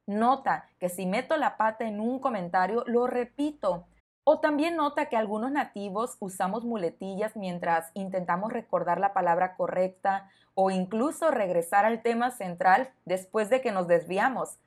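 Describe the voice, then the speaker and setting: A woman hosting a podcast lesson for learners, speaking clearly and encouragingly to the listener. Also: mid-range voice, moderate pace. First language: Spanish. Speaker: Spanish teacher, podcast host.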